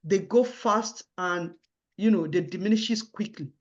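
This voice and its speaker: A woman's voice: mid-range voice, measured pace. A woman giving formal job interview answers in a hesitant way, repeating and restarting her words. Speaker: job candidate in a mock interview. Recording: dull, lo-fi audio.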